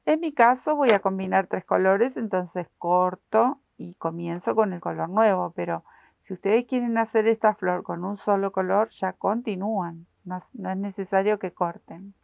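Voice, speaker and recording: A woman walks viewers through a crochet pattern stitch by stitch, patient and full of little diminutives. Her voice has a gravelly fry to it. The sound is dry and thin, like it came through a phone. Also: mid-range voice, moderate pace, no room sound, narrow, tinny audio. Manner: patient, explains each stitch while working; uses many diminutives, addresses viewers directly. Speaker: crochet instructor. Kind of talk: step-by-step craft tutorial.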